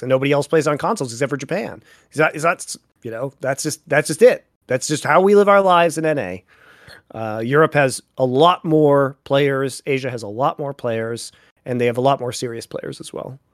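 A man in casual podcast chat who stammers and restarts as he gathers his thoughts. His voice sits at a middling pitch and comes across dry and close, with no room sound. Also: no room sound.

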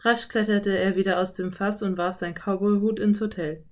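A woman narrating a children's audiobook in a calm, clear storytelling voice. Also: mid-range voice, normal speed.

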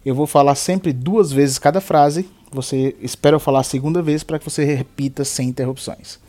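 A man with a Brazilian Portuguese accent teaching English vocabulary, slowly repeating each word for the learner to echo. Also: a little high, a little mellow. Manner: slow, deliberate drilling of words and phrases. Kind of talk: language lesson with repeat-after-me drills.

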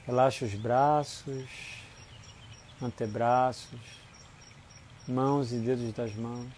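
A Brazilian man guides a relaxation in a dark, mellow voice of medium pitch. His delivery is soothing and unhurried, with short phrases set apart by long pauses. A light bed of insect and nature noise runs behind him. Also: fairly even intonation. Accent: Brazilian Portuguese. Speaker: guided meditation instructor. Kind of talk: guided body-scan relaxation.

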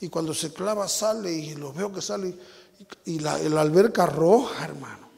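A high-pitched, gravelly Mexican preacher telling a story to his congregation, acting out sounds and rising to shouts. His voice rings with the long reverb of a large hall. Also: moderate pace. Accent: Mexican Spanish. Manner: animated storytelling, sound effects, shouting climaxes. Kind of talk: sermon with personal anecdote.

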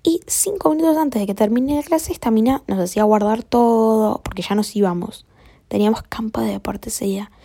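Gravelly Argentine woman telling a story. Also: fairly high pitch, a little fast, dark tone, no room sound. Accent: Argentine Spanish. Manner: chatty and crude, full of slang, often drops to a whisper. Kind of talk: casual storytime monologue.

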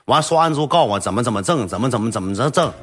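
A man with a Northeastern Mandarin accent telling a comic story on a livestream, animated and colloquial. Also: medium pitch, rapid-fire, faint music behind. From Northeast China. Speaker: storyteller streamer.

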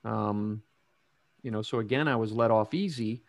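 A middle-aged man telling his own story in a casual interview, slow and reflective with many ums and restarts. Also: lowish voice, gravelly, no echo. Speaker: guest sharing recovery story.

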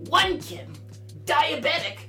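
A woman tells a rambling story with plenty of fillers in a casual podcast chat. Her fairly high voice sounds far from the mic, with music playing behind. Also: sing-song, slow pace. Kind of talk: casual anecdote telling.

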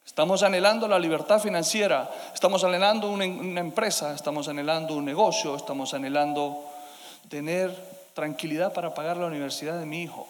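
Preacher guy, high voice, goes loud then hushed, long echoey hall. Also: steady tone, a little fast. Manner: dynamic preaching, swinging between loud emphasis and hushed asides. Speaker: pastor. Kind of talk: sermon.

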